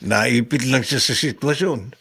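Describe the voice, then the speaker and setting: In a Filipino radio drama, a man with a Filipino accent plays a loyal, deferential driver consoling his boss. His mid-range voice is husky and fairly bright, and he speaks unhurriedly in a sympathetic, respectful, hesitant way.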